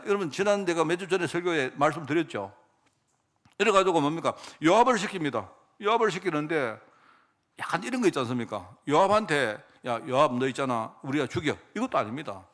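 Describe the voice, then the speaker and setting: A man preaching a sermon, telling the story with lively acted-out voices and rhetorical questions. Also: on the high side. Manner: animated storytelling, acts out characters, rhetorical questions. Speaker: pastor.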